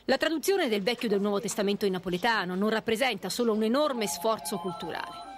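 A woman's voice: mid-range voice, animated, fast, music in the background. A woman reporter reading a scripted voice-over for a news feature. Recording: voice-over with clear background noise.

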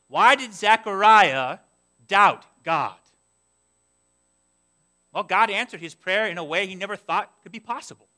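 Animated bright-voiced male pastor preaching. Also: sits high. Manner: animated, voices excited asides and imagined prayers. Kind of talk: sermon. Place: church sanctuary.

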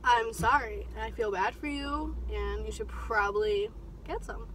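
Slightly high woman chatting w a straw in her mouth, blunt n playful taste test talk. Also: a little slow, a bit bright, slight background noise, poor audio. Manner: blunt, playful, odd comparisons. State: talking with straw at lips. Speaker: co-host of a drink taste test. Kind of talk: casual review chat.

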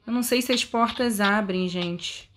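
A woman with a Brazilian Portuguese accent giving excitable let's-play commentary, full of dramatic exclamations and asides to her viewers. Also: medium pitch, normal speed. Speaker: gaming video creator.

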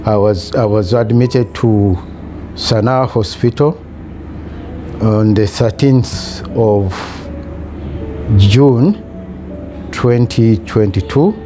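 Slow-talking Kenyan man with halting delivery. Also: on the low side. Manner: halting, hesitant delivery with long pauses. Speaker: patient giving a testimonial. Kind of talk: personal account to camera. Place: small hospital room, in bed. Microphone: lapel mic. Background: music.

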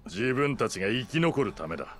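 A man's voice: mid-range voice, sing-song, brisk, natural voice. An actor playing a cold, ruthless middle-aged father who hunts people, giving curt, commanding orders in a dubbed game cutscene. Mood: stern commanding. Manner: stern, commanding. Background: game music.

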